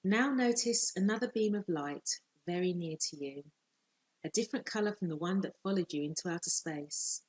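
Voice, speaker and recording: Husky woman guiding a slow meditation. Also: fairly low pitch, darkish tone, poor audio. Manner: slow, soothing, measured instructions with long pauses. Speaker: life coach. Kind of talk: guided visualisation meditation.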